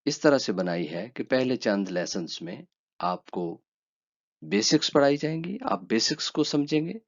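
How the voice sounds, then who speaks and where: A man with an Urdu accent teaching a language lesson, calmly saying each letter twice. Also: mid-range voice, a little slow, vocal fry. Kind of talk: slow spoken lesson. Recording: dull lo-fi sound.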